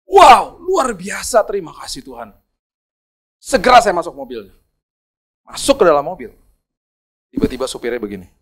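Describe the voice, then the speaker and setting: A male pastor telling a humorous anecdote in a sermon, in an animated way. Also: sits high, normal speed, long pauses. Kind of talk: sermon storytelling.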